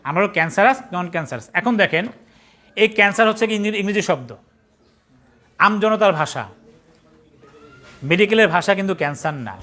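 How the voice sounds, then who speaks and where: A Bangladeshi man leads a pathology class in a classroom, his voice pitched high and bright. He fires questions at the students and spells out medical words letter by letter. He jokes and scolds in a casual way. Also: expressive, moderate pace, pauses often. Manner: quizzing the class with call-and-response, spelling terms out letter by letter; scolding latecomers and joking in colloquial speech. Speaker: pathology trainer. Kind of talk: classroom lecture.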